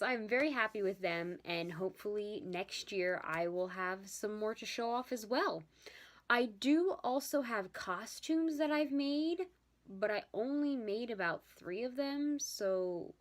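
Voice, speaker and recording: A young woman chatting casually in a vlog about her handmade costumes, talkative and often apologizing. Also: mid-range voice. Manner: chatty, apologetic, yawning at times. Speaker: vlogger showing her handmade cosplays. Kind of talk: casual chat.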